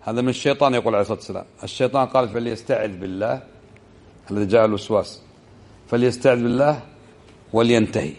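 Man, religious teacher, mid-pitched voice, explanatory lesson, asks listeners quick questions, draws out quotations. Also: darkish tone, a little hiss or hum.

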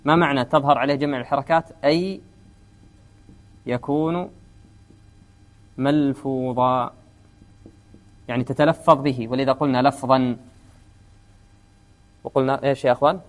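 A man's voice: mid-range voice, steady tone, normal speed, pauses often. A man teaching an Arabic grammar lesson in class, often quizzing his students and repeating key words.

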